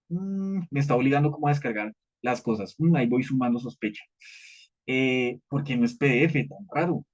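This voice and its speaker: Husky-voiced man teaching a training session. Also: medium pitch, darkish tone. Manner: conversational teaching, frequent "¿listo?" checks, repeated fillers. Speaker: cybersecurity trainer. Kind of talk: live training session with participants. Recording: dull lo-fi audio.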